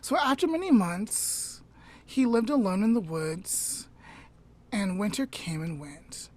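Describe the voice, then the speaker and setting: Recounting a story to her podcast co-host, an animated woman with a mid-range voice keeps an unhurried, casual pace. Her lines frequently fade into a soft near-whisper, and she keeps making chatty asides and self-corrections.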